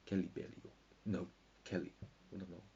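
A man's voice: low voice, little pitch movement, brisk, warm tone. A tired man, rambling through a meandering mock-lecture that sometimes sinks into whispers. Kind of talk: rambling pseudo-scientific monologue. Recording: dull lo-fi with faint hiss.

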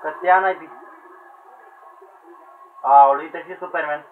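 A man giving excited gameplay commentary, yelling at characters, pleading with them and laughing as the match goes on. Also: a little high. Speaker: gamer commentating own play. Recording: tinny lo-fi sound with faint hiss.

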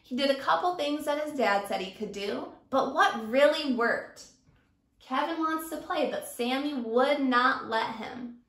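Slow, bright-voiced woman teacher reading aloud. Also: high voice. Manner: expressive storytelling, questions to students. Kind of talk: read-aloud to a class. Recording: echoey room.

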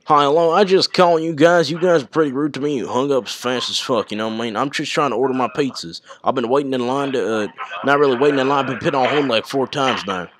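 A man with a country American accent, a prank caller who makes videos, rambles casually and slangily on a prank phone call. He talks fast in a medium-pitched voice.

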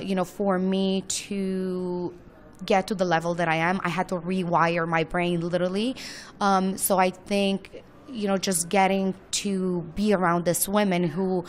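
A woman with a Romanian accent speaks as a guest in a casual interview. Her voice sits on the low side and she talks with eager enthusiasm, filling pauses with plenty of "uh" and "um". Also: slight background noise. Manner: enthusiastic, many fillers. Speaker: guest, launch service owner.

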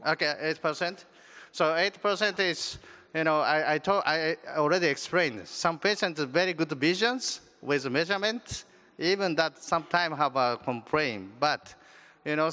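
A man at a conference podium answering panel questions, halting and repeating words. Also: on the high side, sharp tone. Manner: halting, repeats words, non-native phrasing. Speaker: surgeon presenting at a symposium. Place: large conference hall stage at a podium. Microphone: podium microphone.

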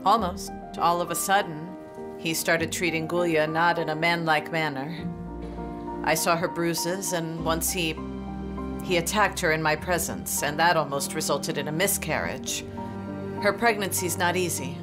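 Loud music runs behind a middle-aged mother in a television drama. Her voice sits a little low. She is a family matriarch, full of regret yet firm. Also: measured pace. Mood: remorseful, pleading. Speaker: actor.

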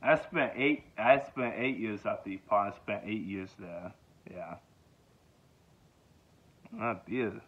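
A man's voice: on the low side, slow pace, pauses often. A man in his twenties from Georgia, talking casually about himself in a rambling way full of fillers, filmed on a phone held close in his bedroom. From Georgia, USA. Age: 20s. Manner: rambling, many fillers and repeated yeahs. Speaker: vlogger. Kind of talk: casual self-introduction vlog. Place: small bedroom indoors. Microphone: phone held close at arm's length. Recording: tinny phone-like sound.

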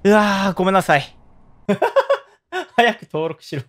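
Excitable high-voiced young man streaming a game. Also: slow pace. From South Korea. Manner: excitable, yelps loudly when in danger. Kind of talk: live gameplay commentary.

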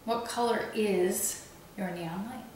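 A woman slowly and soothingly guiding a breathing and visualization meditation. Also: mid-range voice, slight background noise. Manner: slow, soothing, gently instructive. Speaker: meditation guide. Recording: very echoey room, faint ambience.

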